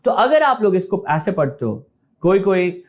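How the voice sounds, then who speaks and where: With a high-pitched, darkish voice full of big pitch swings, a male maths teacher talks at normal speed in an online class. He explains step by step in Hindi sprinkled with English terms and repeatedly checks if students understand.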